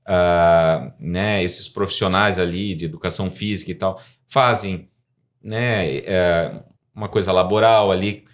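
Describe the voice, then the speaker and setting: A man's voice: deep voice, steady tone, a little slow. A Brazilian man in his forties, a professor being interviewed on a podcast, explaining in a rambling way with frequent tag questions. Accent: Brazilian Portuguese. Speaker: guest scientist and professor.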